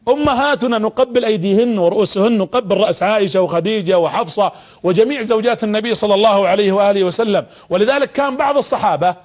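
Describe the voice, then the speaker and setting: A man's voice: high-pitched, fast talker, a little mellow. A man preaching on television from a studio, talking emphatically, repeating words and putting direct questions to viewers. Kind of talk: televised religious talk to viewers.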